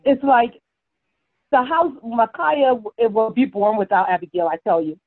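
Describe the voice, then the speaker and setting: A woman's voice: on the high side, animated, normal speed, dry recording. A woman, a mother who is a guest on a podcast, chatting casually and telling stories, laughing often. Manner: warm storytelling, laughs often. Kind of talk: casual interview chat. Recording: tinny phone-like line, dry.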